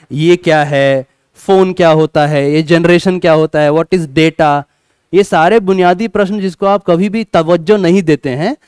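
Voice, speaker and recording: Male teacher, classroom lecture, high voice, clear and dry sound. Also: no echo. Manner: animated, asks questions and answers them himself.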